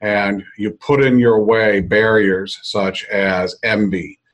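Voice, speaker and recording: A middle-aged American man hosting a podcast from an office conference room on a meeting room mic, speaking in a halting, deliberate, reflective way. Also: lowish voice, fairly even intonation, poor audio. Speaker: podcast host. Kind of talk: unscripted podcast introduction.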